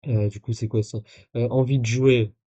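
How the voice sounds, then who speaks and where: A man speaks into a desk microphone during a live stream, his voice at an ordinary middle pitch. He rambles casually, restarting phrases and leaning on fillers, and slips in dry, sarcastic remarks as he reads messages aloud. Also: fairly even intonation, moderate pace, mellow, lo-fi sound. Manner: casual, rambling with many fillers and self-corrections.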